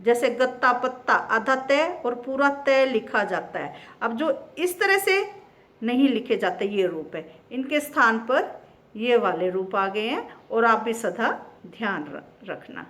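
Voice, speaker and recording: A woman teacher talks through a grammar lesson in a high voice. She goes slowly and spells each example word out sound by sound, patient and methodical. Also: lively intonation, fairly bright tone. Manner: slow, spelling words out sound by sound. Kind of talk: recorded Hindi grammar lesson.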